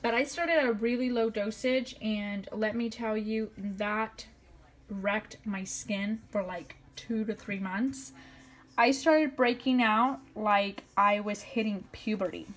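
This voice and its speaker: A woman's voice: mid-range voice, fairly even intonation, slow. A woman in her thirties chatting casually in a shopping haul video, rambling with many fillers. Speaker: vlogger. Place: indoors at home, counter of products.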